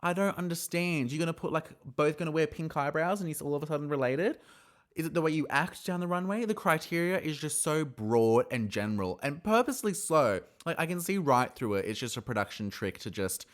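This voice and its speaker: A man hosting a podcast on his own, giving an opinionated, ranting review that gets heated and breaks into mocking high-voiced impressions. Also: lively intonation, a little fast. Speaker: podcast host reviewing a reality show. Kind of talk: casual solo review.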